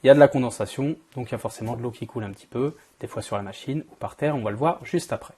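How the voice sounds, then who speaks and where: A man hosting a product review, talking informally and directly to the viewer in a strained, worn-out voice that is giving out, hoarse from a cold. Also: mid-range voice, rapid-fire, dark tone. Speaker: host of an event-equipment channel.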